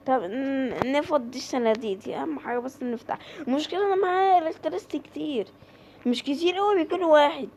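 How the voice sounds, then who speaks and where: An Egyptian-accented woman who makes gaming content chats with viewers while playing a horror game, letting out yelps when startled. Her voice is high-pitched and a little mellow, with a slight hiss or hum in the recording.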